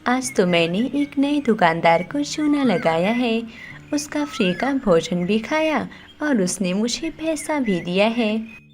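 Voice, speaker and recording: A woman voicing a greedy, scheming old mother-in-law bird in a cartoon story, loud, theatrical and bossy. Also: a little high, expressive, slow. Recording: light background music.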